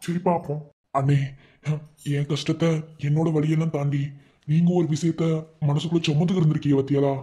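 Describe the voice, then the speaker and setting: A man's voice: fairly high pitch, flat delivery, fairly quick, long pauses, mellow, close to an everyday voice. A man voicing a caring village elder brother in a cartoon, speaking with a Madurai Tamil accent in an earnest, consoling way. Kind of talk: cartoon voice acting.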